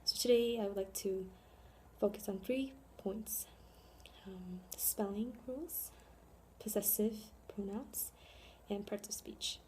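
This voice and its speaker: Young american woman doing a class talk on grammar, mellow voice, lots of ums, faint hiss behind. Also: mid-range voice, slow pace. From born in South Korea, raised in Chicago. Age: young adult. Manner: earnest, with frequent ums and spelled-out letters. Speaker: student presenter.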